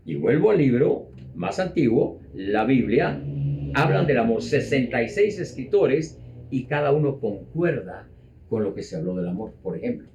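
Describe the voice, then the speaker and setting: A man speaking as an interview guest in a dark, mellow voice. He explains at a measured pace and repeats words as he goes. He slows down to stress his points. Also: medium pitch, sing-song, creaky, slight background noise. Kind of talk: conversational explaining.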